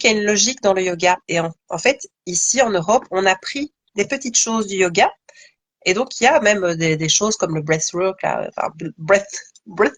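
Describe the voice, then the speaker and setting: A woman's voice: fairly low pitch, dry recording. A woman, a guest yoga teacher, talking casually and thoughtfully in a live conversation, with many fillers and restarts.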